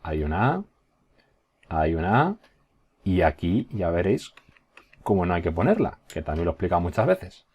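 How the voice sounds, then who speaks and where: Low mellow-voiced male teacher. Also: big pitch swings, slightly rough. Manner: patient, slow model phrases with frequent check-ins. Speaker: English teacher. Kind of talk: recorded online class.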